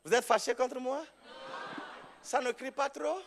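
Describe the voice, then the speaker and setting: A man preaching as a pastor in a church on a microphone, shouting exhortations and dropping to a low storytelling voice, laughing as he tells his story. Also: steady tone, a little slow, background noise. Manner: laughs while telling the story. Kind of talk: charismatic preaching with testimony. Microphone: handheld or stand mic.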